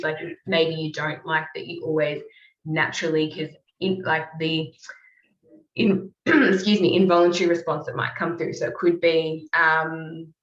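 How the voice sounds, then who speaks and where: Woman host, deep voice, chatty motivational coach, filler-heavy, muffled online audio. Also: a bit bright. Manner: rambling, many fillers and self-corrections. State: clearing her throat. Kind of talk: casual motivational talk. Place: call or online meeting.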